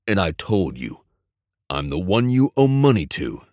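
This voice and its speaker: A male narrator voicing a cool, menacing male ex-soldier who speaks slowly and evenly. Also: no room sound, clean studio sound. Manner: low, slow, calm, menacing.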